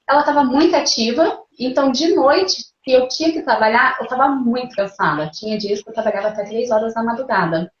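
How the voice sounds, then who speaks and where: A woman guest telling her own motherhood story in an earnest, animated way, quoting her own thoughts over a video call. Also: a little high. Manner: earnest, animated retelling with quoted inner thoughts. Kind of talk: emotional personal storytelling. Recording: roomy, dull lo-fi call audio.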